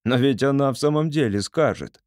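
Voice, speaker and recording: A man's voice: medium pitch, brisk, a little mellow, no room sound, clean studio sound, voice pushed up, natural voice. A man voicing a stern, sly male wolf for an audiobook, grumbling and coaxing in turns. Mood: urging. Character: gruff, sly male wolf, loyal friend. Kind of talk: audiobook character voice.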